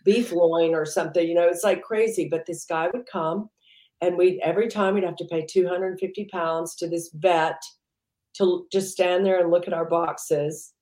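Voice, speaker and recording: A woman's voice: fairly low pitch, steady tone, normal speed, warm tone, roomy sound. A woman entrepreneur being interviewed, chatting casually and rambling with lots of "you know" fillers. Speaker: entrepreneur guest.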